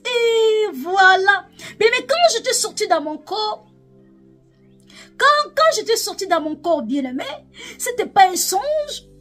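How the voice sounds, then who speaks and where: A prophetess from DR Congo gives an emotional spoken testimony of a vision, her voice pitched very high. She repeats her phrases over and over and lifts into chanting. Faint music plays behind her. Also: a bit bright. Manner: repetitive, emotional, switching into chanting.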